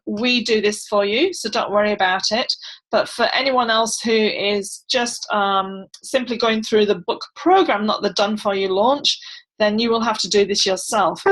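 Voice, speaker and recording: A chatty woman with a fairly high voice teaches authors over a video call. She talks loosely with plenty of fillers and laughs now and then. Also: fairly bright tone, poor audio. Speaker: book launch coach. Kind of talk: online webinar teaching.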